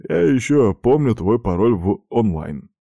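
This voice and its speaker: A man's voice: lowish voice, sing-song, a little slow, gravelly, dark tone, dry recording, highs cut off, voice pushed up, heavily acted. A man voicing a chubby, cheerful young male friend who talks in a friendly, chatty way.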